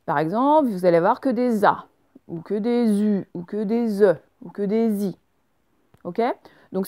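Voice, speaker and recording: A woman gives a reading lesson to young children, saying words slowly and clearly and spelling out sounds. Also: medium pitch, warm tone, dry recording. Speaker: teacher.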